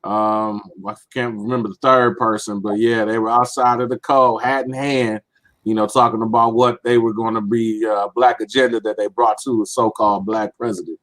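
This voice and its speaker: A man's voice: lowish voice, flat delivery, moderate pace, a bit bright. A man co-hosting a casual political discussion, explaining definitions and voting step by step with many fillers. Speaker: podcast co-host.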